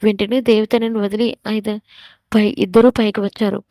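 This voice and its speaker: Flat-voiced woman narrating a story. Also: medium pitch, moderate pace, dry recording. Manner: reads every character's lines in her own voice, louder for the quarrels.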